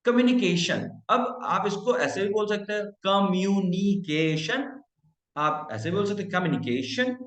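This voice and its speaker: Middle aged guy teaching a class, high voice that jumps all over, echoey room. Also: a bit bright. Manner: explanatory, mixes English into speech, demonstrates pronunciations. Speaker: trainer and consultant. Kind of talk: spoken training lesson.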